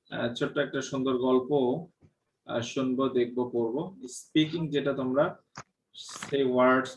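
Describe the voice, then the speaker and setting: A man teaching an online English class. He mixes English teaching phrases into Bengali, puts the class direct questions, and pauses often on 'ah'. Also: mid-range voice, fairly bright tone, far from the mic, low-quality recording. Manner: drawn-out, hesitant delivery with frequent 'ah' pauses.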